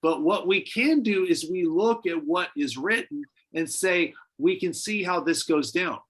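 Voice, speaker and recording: A man with a somewhat high voice leads a church Bible study. He talks in a relaxed, musing way, often restarting his sentences as he thinks aloud. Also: unhurried, breathy edge, rough recording. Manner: conversational, speculative, many restarts. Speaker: pastor.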